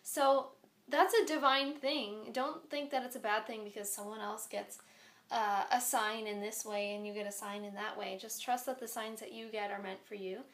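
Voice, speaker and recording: A woman giving a chatty spiritual angel card reading, recorded on a phone, with frequent laughs. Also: a little high. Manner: chatty, laughing often, warm spiritual encouragement. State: hiccuping.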